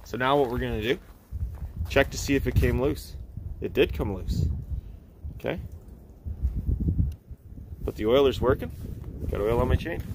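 Man, forties, folksy how-to talk, outdoor camera mic, clear background noise. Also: mid-range voice, normal speed, long pauses. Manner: relaxed, folksy, thinks aloud with fillers. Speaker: channel host demonstrating chainsaw maintenance. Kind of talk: casual how-to demonstration. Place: outdoors in a snowy rural yard by a shed. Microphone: camera mic, he moves nearer and farther.

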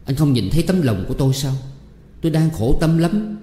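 A man's voice: on the high side, animated, a little fast, dark tone, voice pushed up, lightly acted. A man voicing a young man who pleads in emotional outbursts, read as an audiobook character. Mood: anguished. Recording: echoey room with long reverb.

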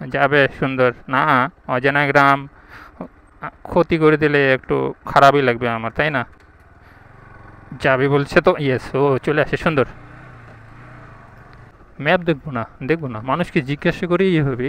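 A young Indian man narrates a casual motovlog while riding his motorbike on village roads outdoors, chatting, thinking aloud, and asking passersby for directions. Captured on an action camera mic, his medium-pitched, slightly bright voice comes through a low-quality recording with a little hiss or hum.

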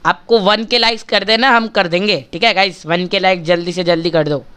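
A man's voice: sits high, fairly even intonation, fairly quick, sharp tone, clear, resonant tone. A male gaming channel host giving chatty, casual commentary while he plays, talking straight to his viewers and bargaining with them for likes.

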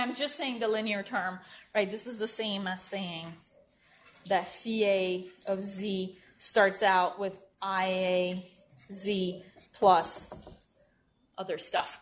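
A woman's voice: medium pitch, a little hiss or hum. A woman giving a university math lecture at a board in a lecture room, speaking informally, often checking in with "right?" and correcting herself as she writes. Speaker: mathematics lecturer.

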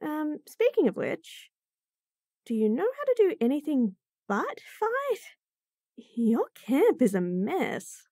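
Playing a sassy bunny-girl chef, a woman delivers an acted F4M monologue full of teasing aimed right at the listener. Her warm voice sits high and swoops wildly in pitch at a slow pace. It's a dry, studio-quality recording.

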